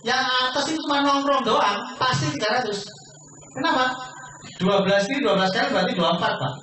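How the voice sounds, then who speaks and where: High-voiced man pitching to an echoey hall. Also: fast, bright, forceful tone. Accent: Indonesian. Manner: persuasive, addresses audience as Pak, asks and answers himself. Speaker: business presenter. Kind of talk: sales pitch seminar. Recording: echoey room from far off, faint noise.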